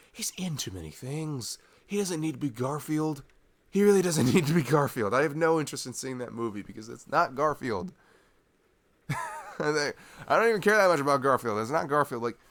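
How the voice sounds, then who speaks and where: With a mid-range, creaky voice of fairly bright tone and no room sound, a man performs an ASMR boyfriend roleplay. He chats intimately and informally, rambling and ranting, punctuated by chuckles and sighs.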